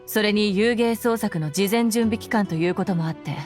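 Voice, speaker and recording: Racing along in a natural, mid-range voice, a woman voices a stern and dutiful military commander for a Japanese video game. She sounds formal, clipped and earnest over faint background music.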